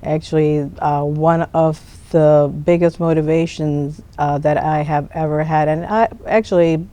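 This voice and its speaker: A woman's voice: low-pitched, steady tone, measured pace, warm tone. A woman from Pakistan, a guest on a TV interview show, speaking politely with many hesitations.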